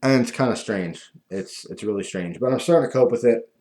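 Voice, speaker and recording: A man talking casually and ramblingly to viewers, with a lispy voice from missing front teeth that softens his F and V sounds. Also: medium pitch, fairly quick, a little hiss or hum. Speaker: video host.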